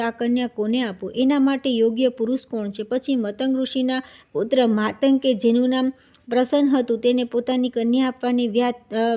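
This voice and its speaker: A woman reading an old devotional scripture aloud as steady narration, with small slips now and then. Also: fairly high pitch. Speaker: scripture reader.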